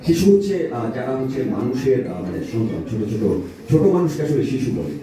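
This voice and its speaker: A man talks quickly as the exasperated straight man of a puppet comedy act, correcting and scolding. His voice is distant and strongly echoing, with a clear audience around him. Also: medium pitch, big pitch swings, crowd noise. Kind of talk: comic stage dialogue with a puppet. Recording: very echoey hall, distant mic, audience.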